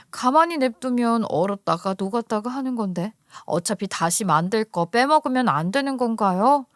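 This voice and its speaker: Female story narrator, higher voice, dry sound, conversational and indignant. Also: dry recording.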